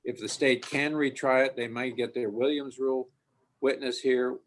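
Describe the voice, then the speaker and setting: A man's voice: mid-range voice, steady tone, normal speed, slight background noise, low-quality recording. A man questioning counsel from the appellate bench, pointed and probing. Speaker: appellate judge. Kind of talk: appellate oral argument.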